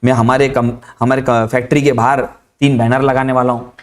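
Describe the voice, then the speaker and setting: A man doing a young male friend, dropped low in pitch, pleading and almost crying. The voice is deeper and heavier than the teacher's own, with a breaking quality. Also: level tone, fairly quick, close to an everyday voice. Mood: boastful. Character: young man, a friend, tearful then boastful.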